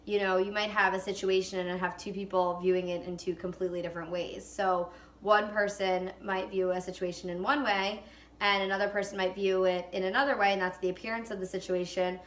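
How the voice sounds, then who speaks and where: Her medium-pitched voice stays level and moves a little fast as this woman in her twenties reflects in an interview. She hedges and uses many fillers, and the room is echoey.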